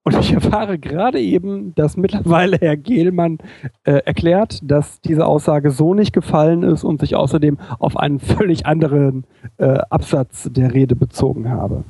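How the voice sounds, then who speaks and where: A man co-hosting a casual discussion, telling anecdotes quickly with a wry edge. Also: a little high, creaky, mellow, husky, no echo. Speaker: co-host.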